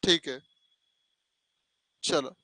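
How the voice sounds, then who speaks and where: A coaching teacher sternly leads a math class for students in a classroom and online viewers, scolding them, calling them "beta", and repeatedly asking "hai na?". His voice is bright and forceful, with drawn-out words. The recording is dry and low in quality.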